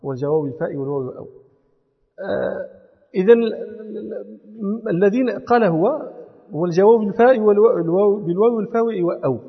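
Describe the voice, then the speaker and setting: Give me a man lecturing students on grammar, patient and explaining, with a husky voice. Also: sits high, fairly quick, pauses often. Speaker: teacher of Islamic law and Arabic grammar. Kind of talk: classroom lecture. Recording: lo-fi recording in a reverberant hall.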